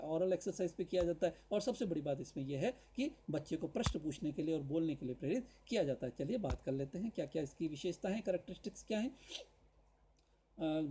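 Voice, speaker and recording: A male teacher giving a lecture to trainee teachers, explaining in Hindi, often asking "right?", and reading points slowly. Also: a little high, warm tone, slight background noise, rough recording. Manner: addresses viewers directly with tag questions.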